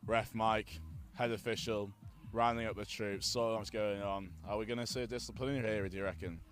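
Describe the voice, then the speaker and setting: A young man with a Yorkshire accent doing excitable, playful live rugby co-commentary from the side of a pitch. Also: fairly quick, soft background music.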